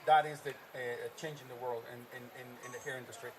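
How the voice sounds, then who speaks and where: This livestream host speaks quickly at a medium pitch with fairly even intonation, against background noise. He's on a trade-show floor, cheerfully reading out viewer comments and repeating what his guests say.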